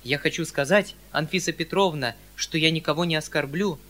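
Flustered, pleading landowner uncle, high and bright, declaiming, read by a male narrator. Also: fairly quick, close to an everyday voice.

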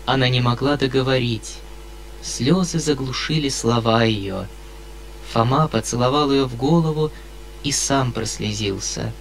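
Expressive male audiobook narrator. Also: mid-range voice, measured pace, vocal fry, a little hiss or hum. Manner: expressive reading of a classic novel. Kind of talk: scripted narration.

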